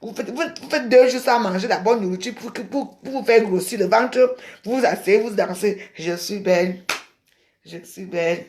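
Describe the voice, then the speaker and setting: A woman's voice: fairly high pitch, moderate pace, few pauses, darkish tone, slight background noise. A woman from Cameroon ranting on a livestream, scolding and mocking her rivals, often repeating herself. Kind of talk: heated livestream rant.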